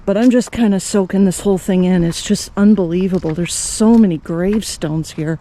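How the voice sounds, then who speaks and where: At normal speed and with a warm tone, a high-voiced man from Canada narrates a relaxed vlog as he walks around a rural cemetery outdoors. His talk is chatty and meandering, packed with fillers and restarts.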